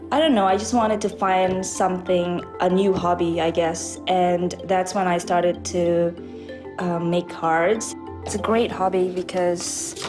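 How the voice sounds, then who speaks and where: A young woman from Indonesia, talking about her life in a personal documentary interview, chatty and a little hesitant. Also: on the low side. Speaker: featured resident.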